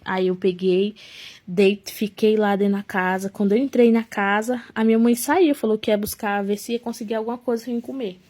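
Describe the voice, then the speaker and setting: A young woman telling her own life story, emotional and halting, often restarting her sentences. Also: mid-range voice, steady tone, darkish tone. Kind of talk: personal life testimony.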